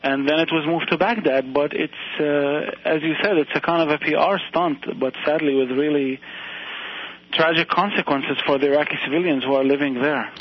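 A professor from Iraq speaking as a radio interview guest, earnest and measured, often restarting his phrases. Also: a little high, steady tone, slightly rough, dull audio.

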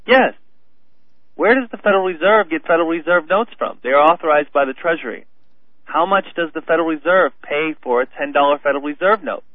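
A man calling in over the phone to a radio talk show, speaking haltingly and reading a transcript aloud. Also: a little high, no echo. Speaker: caller. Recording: tinny phone line, dry.

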